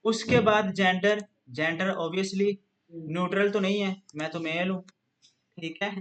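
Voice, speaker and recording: A man teaching a screen-recorded software tutorial, explaining patiently step by step and leaning on a repeated filler phrase. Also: high voice, fairly even intonation, unhurried. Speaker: instructor.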